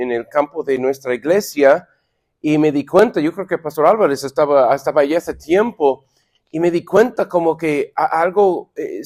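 A middle-aged man leading a sermon-style Bible lesson for married men, halting with fillers and repeated words, and playfully acting out little quips. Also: fairly high pitch, darkish tone. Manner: playful, acts out quips for laughs. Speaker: pastor leading a men's Bible study.

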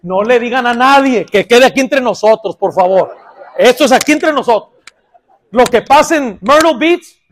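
High-voiced pastor preaching with playful asides. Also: male voice, animated, moderate pace. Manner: playful, swings between loud emphasis and quiet asides. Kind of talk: sermon.

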